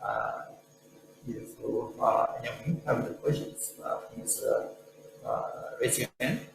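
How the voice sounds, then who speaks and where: A man's voice: mid-range voice, slow, creaky. A man moderating a lecture Q&A, talking hesitantly with many fillers. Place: lecture hall. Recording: echoey hall with room noise.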